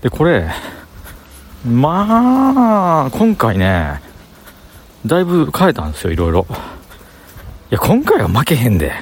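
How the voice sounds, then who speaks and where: A man's voice: on the low side, wildly swooping pitch, moderate pace, pauses often, husky. A man with a Banshu Kansai accent, rambling casually to himself as he walks outdoors through city streets. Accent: Kansai, Banshu (Himeji) dialect. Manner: chatty self-talk, thinking aloud. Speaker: vlogger talking to camera. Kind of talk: casual rambling monologue while walking.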